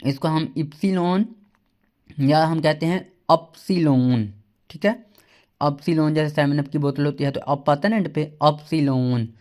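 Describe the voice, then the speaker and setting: A man gives a beginner's language lesson at a very slow, deliberate pace. His voice sits a little high for a man. He sounds out each letter patiently and repeats it so learners can follow. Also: darkish tone. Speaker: German teacher.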